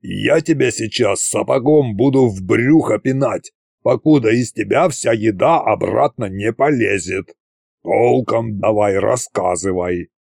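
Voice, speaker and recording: A man voicing an old immortal villain king who speaks in a slow, threatening drawl. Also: fairly low pitch, gravelly, darkish tone, slightly rough, no echo, studio quality, exaggerated voice.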